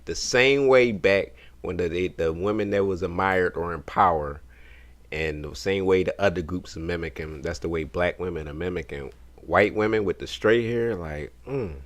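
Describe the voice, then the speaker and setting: A man's voice: low voice, normal speed. A man reacting to a video in casual commentary, joking, swearing and laughing often. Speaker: reaction streamer.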